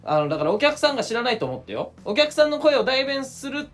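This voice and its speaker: A young man co-hosting a casual comedy podcast, chatting in quick, animated banter with occasional shouts. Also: very high voice, soft background music. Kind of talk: casual chat.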